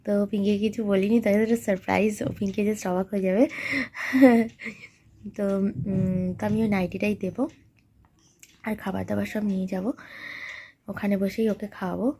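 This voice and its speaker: A woman's voice: medium pitch, little pitch movement, normal speed, long pauses, warm tone, breathy edge. Chatty woman vlogging at home. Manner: chatty, addresses viewers directly, many fillers. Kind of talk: casual vlog narration to viewers. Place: home, indoors. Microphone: phone camera held by the speaker.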